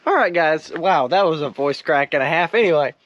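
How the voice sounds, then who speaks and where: A teenage guy with a slightly high, a bit bright, expressive voice chats fairly quickly while working on an old truck he's restoring for his vlog. He's goofy, joking at his own expense and mimicking sounds as he moves in and around the truck. The lo-fi recording has a clearly noisy background with clicks.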